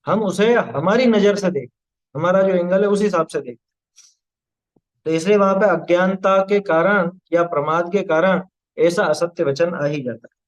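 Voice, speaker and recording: High-voiced man teaching scripture. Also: rough recording. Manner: explaining with rhetorical questions and tag questions; recites Sanskrit verses. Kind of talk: scripture study discourse.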